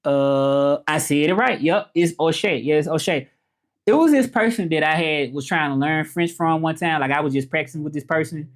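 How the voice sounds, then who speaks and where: A Memphis-born host with a Southern American accent chats informally on a livestream, going through comments and talking about learning languages. He speaks at a moderate pace in a slightly high voice, meandering and saying things more than once.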